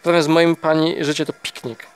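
A man reading a novel aloud, voicing an angry, distraught young husband accused of his wife's murder, pitched up and pressing hard. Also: level tone, brisk, smooth, lightly acted. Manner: heated, raised and pressing. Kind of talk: audiobook character voice.

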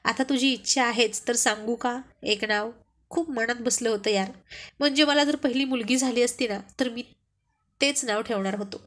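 A woman voicing a young married man who teases his close friend in gruff banter, in a spoken story. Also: a little high, moderate pace, fairly bright tone, natural voice. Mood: earnest.

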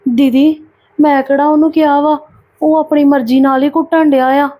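Lady playing a tired put-upon aunt, kinda mellow and a bit high, weary and confiding. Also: level tone, moderate pace, lightly acted. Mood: relieved. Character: sickly, put-upon young aunt, gentle and complaining. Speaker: actor in a family drama. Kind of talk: amateur drama acting.

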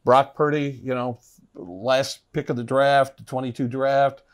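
A middle-aged man hosts a cooking show on a kitchen set, chatting casually and upbeat about football as he cooks. His mid-range voice has little pitch movement and he speaks a little slowly.

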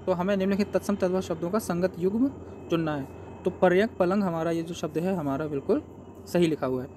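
A man's voice: sits high, a little fast, a little mellow, slight background noise. A man working through an exam paper as a Hindi tutor, asking questions aloud and answering them himself step by step. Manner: explains step by step, asks and answers his own questions.

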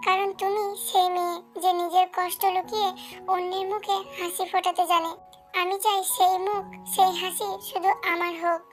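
A man's voice: very high-pitched, little pitch movement, moderate pace, soft background music. A woman voicing a young man in love, tender and pleading.

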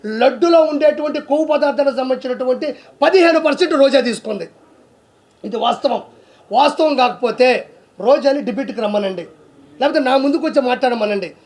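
Very high-pitched man ranting aggressively. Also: brisk, darkish tone. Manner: aggressive, accusing, fires off rhetorical questions. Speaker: political commentator. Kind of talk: heated political commentary.

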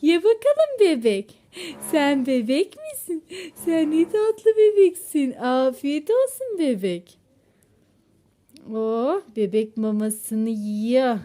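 Very high-voiced woman cooing baby talk. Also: big pitch swings, slow, dark tone. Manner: cooing, sing-song and exclamatory. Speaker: host caring for a pretend baby. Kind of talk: playful baby talk to the camera.

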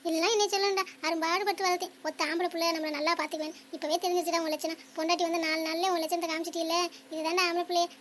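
A shrill, very high, squeaky cartoon mother, grumbling and nagging in one flat whine. She rattles off complaints at breakneck speed, never pausing for breath. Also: a little hiss or hum. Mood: scolding. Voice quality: squeaky, rapid-fire complaining. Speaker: mother-in-law. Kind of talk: cartoon comedy voice acting.

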